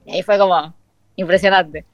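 A young woman from Tucumán with a Tucumán accent, a guest telling stories in a lively, informal chat. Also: fairly low pitch, a little fast, dry recording, highs cut off, soft background music. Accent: Tucumán Argentine Spanish. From Tucumán, Argentina. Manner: chatty storyteller, lively and informal. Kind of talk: casual chat.

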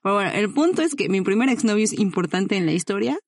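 A young woman chats on a podcast, rambling through a story and giggling often. Her pitch sits mid-range for a woman, and the sound is dry and close. She keeps it loose and casual, full of restarts and asides. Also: animated, quick pace, no echo. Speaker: podcast co-host.

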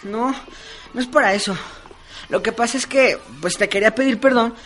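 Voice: mid-range voice, moderate pace, fairly bright tone, faint music behind, close to an everyday voice. A sheepish teenage schoolboy played by an actor in an educational radio drama, awkward and full of slang.

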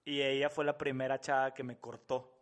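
A man's voice: mid-range voice, level tone, a little fast. A man in casual chat, easygoing and self-mocking. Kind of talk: casual chat among friends.

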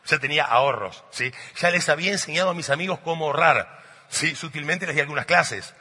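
A middle-aged man from Argentina with an Argentine Spanish accent, a motivational speaker and coach telling animated stories to an audience and often asking "¿sí?". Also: on the high side, a little fast, husky. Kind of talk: storytelling talk to a live audience. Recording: long hall reverb.

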